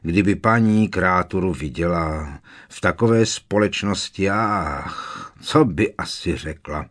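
Here a man with a low but fairly bright voice plays an aged, embittered house-elf in an audiobook. The servile character grumbles resentfully, muttering under his breath.

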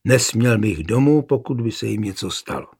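A man voicing a calm, weary camp officer who teases his comrades, in a gravelly voice. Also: lowish voice. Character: worried, jocular older comrade and officer.

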